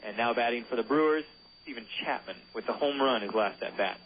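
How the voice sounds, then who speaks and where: A man calls a minor-league baseball game for local radio, relaxed and joking, sometimes tripping over player names. His voice sits in a middle register. It comes through a narrow, phone-like channel with a faint hiss underneath. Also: medium pitch, a little fast. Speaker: play-by-play announcer. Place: ballpark broadcast booth.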